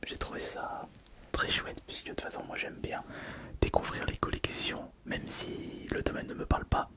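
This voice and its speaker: Man whispering ASMR, right in your ear. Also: moderate pace. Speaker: ASMR video host.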